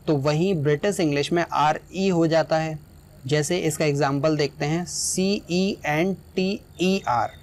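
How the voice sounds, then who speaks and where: Guy teaching a class, kinda high voice, keeps asking "right?" to check you follow. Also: a little mellow. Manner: explanatory, often checks in with "right?". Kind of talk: explaining a lesson.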